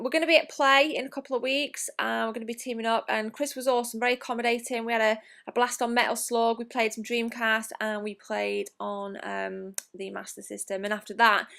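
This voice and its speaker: A woman's voice: fairly high pitch, gravelly, fairly bright tone. A young woman narrating her gaming convention vlog in a chatty, enthusiastic way, with frequent ums and the odd swear word. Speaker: gaming vlogger.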